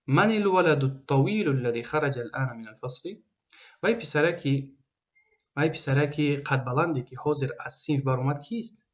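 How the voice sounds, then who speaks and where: A man with a Tajik accent teaching an Arabic grammar lesson. He says each example sentence twice, then translates it patiently. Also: medium pitch. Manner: patient, explanatory.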